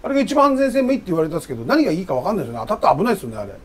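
A middle-aged man hosts a casual chat, chiming in eagerly and politely. His voice sits high and leaps around in pitch. The pace is quick, with a faint noise under it. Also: huge pitch swings, a crowd in the background. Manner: eager interjecting, polite speech. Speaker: host, former catcher.

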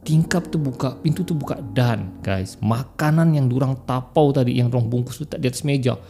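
A man's voice: medium pitch, fairly quick, creaky, warm tone. A man telling horror stories in a chatty podcast style, often calling his listeners "guys". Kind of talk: casual horror storytelling.

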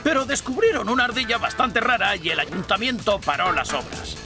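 An actor playing an excitable male gangster henchman with a gossipy, dramatic way of talking in an animated game scene. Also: sits high, fairly quick. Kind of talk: animated game cutscene acting. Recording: music behind the voice.

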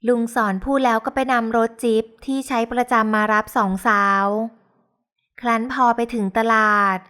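Smooth-voiced woman narrating a novel. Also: fairly high pitch, moderate pace. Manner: calm, even storytelling. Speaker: audiobook narrator.

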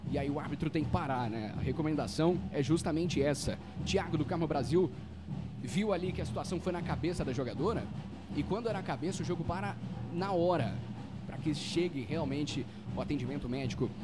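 Male match commentator, Brazilian accent, high pitch, chatty, repetitive catchphrases, music behind. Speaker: football play-by-play commentator.

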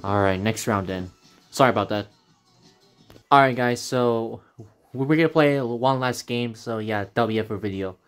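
Excitable man narrating his gameplay. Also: mid-range voice, normal speed, pauses often, clear, resonant tone, faint music behind. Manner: excitable, groans and pleads while playing, frustrated. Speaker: gaming video host. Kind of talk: casual gameplay commentary.

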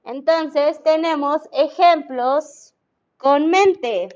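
This is a high female voice, extremely slow and slightly mellow, with the top frequencies cut off. A patient Mexican-accented teacher, she walks an online class through the material and checks that everyone follows, speaking through a video call.

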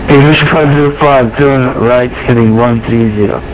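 A man's voice: mid-range voice, a crowd in the background. Controller man heard over aviation radio. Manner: measured, reads numbers digit by digit. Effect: heard over an aviation radio channel. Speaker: air traffic controller in a flight sim network. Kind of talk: clipped aviation radio phraseology. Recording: muffled radio with strong static.

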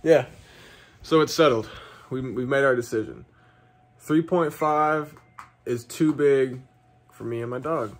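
A young man casually walking through his camping gear in a home basement, talking to a handheld phone camera in a relaxed, chatty way. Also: medium pitch, a little slow, pauses often. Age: young adult. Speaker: outdoor gear vlogger. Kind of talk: casual vlog walkthrough. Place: home basement room, indoors. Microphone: phone camera held close.

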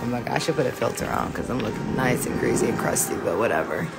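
A woman's voice: rumbling low, expressive, fast, gravelly, over music. A woman in her thirties chatting casually on a phone livestream from her home kitchen, rambling and laughing easily. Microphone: phone held close.

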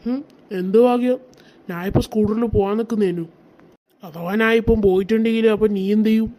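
A performer voicing an exasperated middle-aged husband in a cartoon, with a sarcastic, grumbling manner. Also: male voice, high-pitched, a little fast, dark tone, close to an everyday voice. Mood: nagging. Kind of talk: cartoon voice acting.

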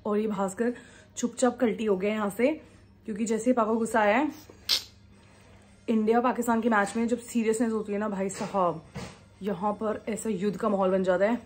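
A woman's voice: medium pitch, steady tone, brisk, a little mellow, slight background noise. A woman making a casual home vlog, chatting away and slipping English phrases into her talk. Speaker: vlogger. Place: family home.

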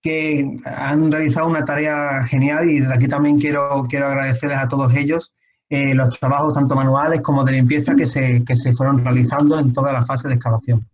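A man in his thirties from Spain, with an Andalusian accent and a slightly hoarse, mid-range voice, gives a conference talk on archaeology over slides in a level tone. His delivery is halting, full of restarts and fillers, and the webcam audio from the video call sounds dull and lo-fi.

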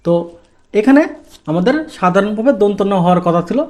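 Animated and high-voiced, this male Korean teacher from Bangladesh walks through sounds one by one in a step-by-step pronunciation lesson. He quizzes the class and supplies the answers himself, drawing out and deliberately stressing the key sounds.

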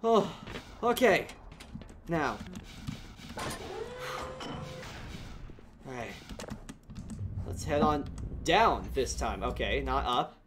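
A young man streams a game as a VTuber, chatting casually with his viewers and laughing a lot. His mid-range voice is very animated, with stretched-out words and frequent pauses. There's slight background noise, and he comes across as chatty and giggly as he talks to chat.

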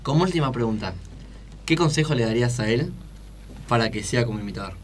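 A man's voice: mid-range voice, expressive, fast, a little hiss or hum. A man hosting a radio interview, asking short questions in an easygoing way. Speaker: radio host. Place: radio studio.

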